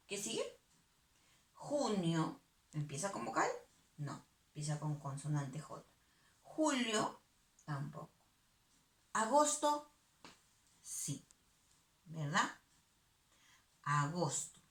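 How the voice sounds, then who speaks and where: A woman's voice: low voice, fairly bright tone, roomy sound. A woman teacher giving a virtual math lesson to young pupils, patiently asking and answering her own questions. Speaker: primary school teacher.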